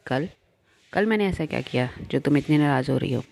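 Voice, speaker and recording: A woman's voice: low-pitched, animated, a little fast, creaky, a little mellow, no echo, voice pushed down. A woman voicing a playful middle-aged male doctor who teases his wife, in an offhand way. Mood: teasing.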